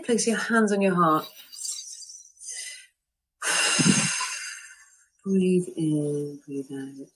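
A woman's voice: low voice, a little hiss or hum. A woman coaching a guided tapping exercise and chatting, soothing and encouraging, laughing often. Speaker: tapping and brain-training coach. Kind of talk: guided tapping and casual chat.

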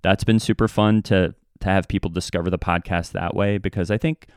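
A low-pitched man, an improv comedian appearing as a podcast guest, talks casually and reflectively a little fast with fairly even intonation, often acting out remembered bits of dialogue. His voice is clear and resonant, recorded in clean studio sound with no echo.

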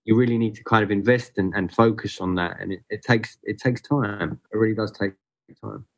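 A man, chatting as a podcast guest. His voice sits fairly low, and he speaks in an earnest, unhurried way, often restarting a phrase before he finds the words. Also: creaky. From Southeast London. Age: 30s. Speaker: guest photographer. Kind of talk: casual podcast chat.

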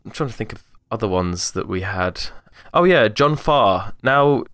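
A man's voice: lowish voice, animated, measured pace, fairly bright tone, dry recording, clean studio sound. A young man hosting a casual chat, explaining his points with frequent restarts and eager detail. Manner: hesitant, many restarts, enthusiastic about detail. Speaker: podcast host discussing accents.

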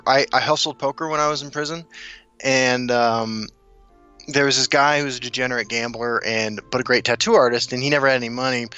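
A man's voice: mid-range voice, sharp tone, clean tone, muffled recording. An American man co-hosting a casual chat, rambling and interrupting himself as he tells stories. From United States. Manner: rambling, self-interrupting storyteller. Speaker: co-host.

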